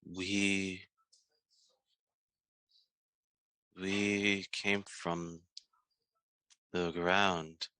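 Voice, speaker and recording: A man voicing a subterranean insect swarm that speaks as "we", in a halting, hesitant way. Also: sits low, little pitch movement, bright, forceful tone, smooth, no echo, full character voice, rough recording. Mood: unsure.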